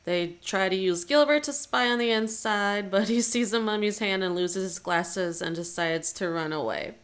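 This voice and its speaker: A young woman co-hosting a podcast, reviewing a movie in casual, animated chat and laughing often. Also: mid-range voice, moderate pace. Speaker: podcast co-host.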